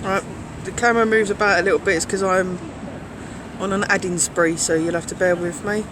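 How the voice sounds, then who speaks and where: On an outdoor London street, a man co-hosting a livestream speaks fairly quickly in a high voice whose intonation stays fairly even. He keeps pushing viewers to share, stressing his point by repeating words, while street noise carries over the phone stream.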